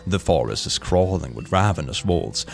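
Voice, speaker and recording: Un homme qui joue un seigneur monstrueux et sombre. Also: male voice, low voice, animated, gravelly, faint music behind, voice pushed down. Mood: ominous. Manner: slow, ominous storytelling. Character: brooding monstrous male lord of a castle.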